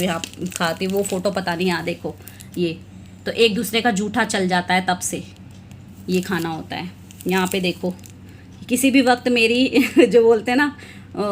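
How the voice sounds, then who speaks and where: A woman's voice: mid-range voice, a little hiss or hum. A young woman vlogging in casual chat as she shows her wedding album, laughing now and then between remarks.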